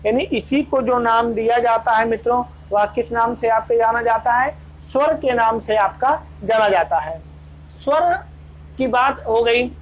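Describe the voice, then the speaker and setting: A woman's voice: fairly high pitch, unhurried, slight background noise, poor audio. A woman teaching an exam-prep grammar lesson. She speaks, keeps asking her students rhetorical questions and answering them herself, and repeats each point. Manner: addresses students as friends.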